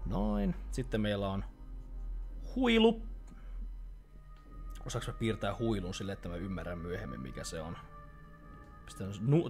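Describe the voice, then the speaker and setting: A young Finnish man commentating a horror game as he plays, chatty and easily startled, swearing when scared. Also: medium pitch. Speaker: let's play host. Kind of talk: live gameplay commentary.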